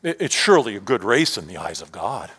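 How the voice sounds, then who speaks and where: A man preaching a sermon, asking rhetorical questions and dropping his voice low at times. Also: big pitch swings, fairly quick, a bit bright, husky. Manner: rhetorical questions, rising and dropping to near whisper. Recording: long hall reverb.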